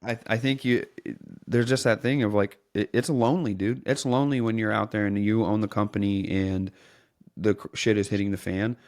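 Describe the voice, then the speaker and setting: A man's voice: on the low side, fairly even intonation, normal speed, darkish tone, no echo, clean studio sound. A male podcast host chatting casually, blunt and frank, who swears in passing.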